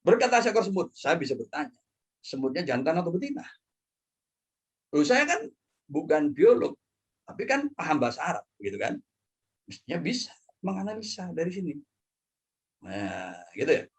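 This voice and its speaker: Male lecturer, husky voice, lively swooping pitch, explaining to a class. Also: normal speed, long pauses. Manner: animated, with frequent tag questions.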